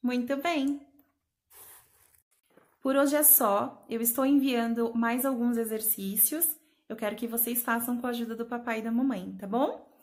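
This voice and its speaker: Slow, patient woman teaching small children. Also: a little high, steady tone. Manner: patient, spells out letters and syllables. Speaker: preschool teacher. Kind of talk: slow remote lesson for young children.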